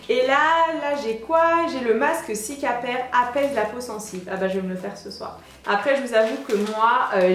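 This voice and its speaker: A young woman beauty vlogger chatting excitedly through a product unboxing, with lots of hesitations. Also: a little high, slight background noise. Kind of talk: casual product unboxing chat. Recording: echoey room.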